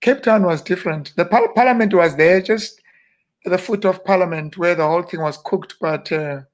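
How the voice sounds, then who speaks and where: A South African man in his fifties, a minister, telling stories about growing up in a relaxed, self-deprecating way during an interview. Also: high-pitched, moderate pace. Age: 50s. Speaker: guest minister. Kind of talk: casual interview reminiscing.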